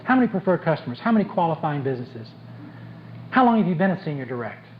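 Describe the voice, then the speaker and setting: A man's voice: on the high side, sing-song, fast. A man giving a motivational speech to a sales audience, blunt and joking, repeating his key points for emphasis. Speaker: motivational speaker at a sales conference. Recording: dull lo-fi tape with faint background noise.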